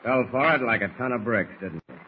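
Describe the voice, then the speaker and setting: An actor playing a tough, threatening smuggler boss with slangy gangster bluster in an old radio serial. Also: male voice, mid-range voice, lively intonation, fairly quick, close to an everyday voice. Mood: gloating, menacing. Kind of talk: 1940s radio serial acting. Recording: muffled, hissy old radio recording.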